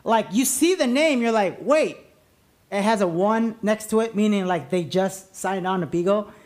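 A man's voice: sits high, lively intonation, normal speed, darkish tone. A man hosts a podcast in a casual, rambling way. His talk is informal and slangy, aimed straight at his followers and guest. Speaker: podcast host. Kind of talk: casual, rambling host chat.

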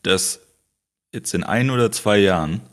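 Man, lowish voice, podcast co-host, thinking aloud, halting. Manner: musing, hesitant with fillers. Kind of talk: casual tech chat.

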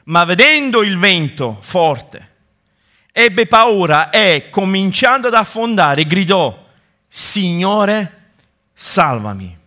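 A man preaching a sermon to his congregation, his tone bright and forceful. He builds momentum through repetition and slips in friendly asides to the listeners. His voice sits slightly above the usual pitch for a man. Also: lively intonation, takes it slowly. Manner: impassioned preaching with repeated rhetorical build-ups; addresses the congregation directly with asides. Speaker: pastor.

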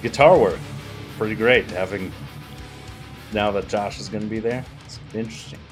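A man with a fairly low voice co-hosts a music review podcast. He sounds worn out. He rambles in a relaxed way, leaning heavily on "like.". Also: moderate pace. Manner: relaxed, rambling with many "like" fillers. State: exhausted. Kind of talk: casual chat.

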